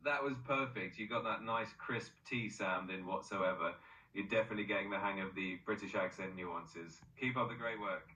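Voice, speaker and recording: A synthetic male voice assistant with a bright, forceful tone and a somewhat low pitch, coaching pronunciation in an upbeat, encouraging way. It is played back from a distant speaker in a roomy space. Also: normal speed. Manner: upbeat, encouraging, praises often.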